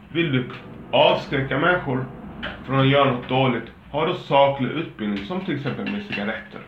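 Angry sweary guy ranting on his show, echoey room, kinda muffled. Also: mid-range voice. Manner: heated, profane, restless. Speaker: host. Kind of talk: casual opinion rant. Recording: roomy, dull, faint background hum.

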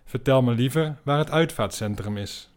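A man voicing a hot-tempered gunslinger rooster in a comic story, clipped and deadpan. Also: medium pitch, moderate pace, natural voice. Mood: curt.

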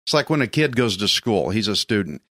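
A man's voice: fairly low pitch, big pitch swings, fairly quick, a bit bright, no room sound, studio quality. A man hosting a faith talk show, interviewing a guest in an encouraging, affirming way.

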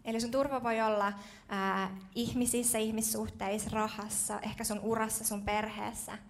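A young woman preaching a sermon in church, casual and lively, with slangy, self-deprecating humor. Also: a little high.

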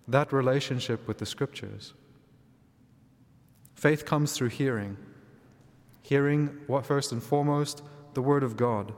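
A man delivers liturgical readings and preaching as a priest. His voice sits at an average pitch, measured and solemn. It rings with long cathedral-like reverb in a large church. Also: a little mellow. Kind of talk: Gospel reading and homily.

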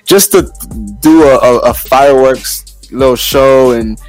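A man's voice: medium pitch, measured pace, no room sound, faint music behind. A man co-hosting a casual podcast, talking loosely and profanely with frequent restarts. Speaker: podcast co-host. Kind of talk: casual chat.

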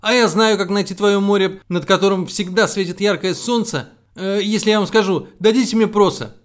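A man voicing an excitable little male sparrow from a children's fairy tale, shrieking and pleading. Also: high voice, fairly quick, pitched above the performer's own voice. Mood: excited.

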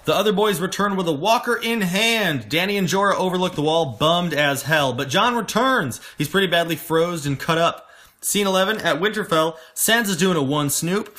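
A man's voice: high voice, bright, forceful tone. Joking young man recapping a show. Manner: joking, laughs often, playful asides. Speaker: podcast host recapping episodes. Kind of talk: casual recap chat.

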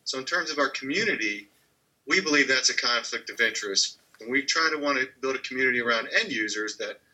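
On a casual podcast, a man who heads a training company earnestly explains his work, slipping in a few uhs and ums. His medium-pitched voice is expressive, fast, pushed and bright, and the audio quality is poor.

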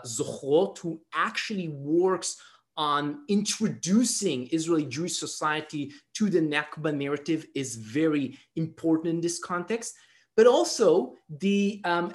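Hedging academic panelist, thoughtful. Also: mid-range voice. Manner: hedging, thoughtful, many fillers.

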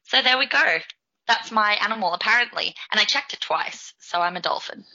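An Australian woman co-hosts a casual podcast with a chatty, playful manner. Her voice is very bright and forceful, at a middling pitch. The sound is slightly lo-fi. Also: animated, fairly quick. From Melbourne, Australia. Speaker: podcast co-host.

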